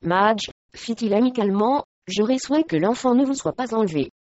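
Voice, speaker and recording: A nobleman with a hard heart softened by pity, read by a woman in a storybook, kindly yet authoritative. The recording is dry and a bit muffled. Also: a little high, lively intonation, normal speed, dry recording.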